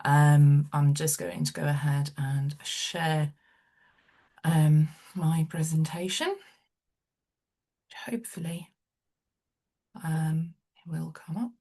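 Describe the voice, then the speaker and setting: A middle-aged woman from Romania gives a recruiting webinar talk over a video call. Her voice sits low, and she pauses often with ums as she goes. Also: steady tone, mellow. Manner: hesitant, many ums. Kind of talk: webinar presentation.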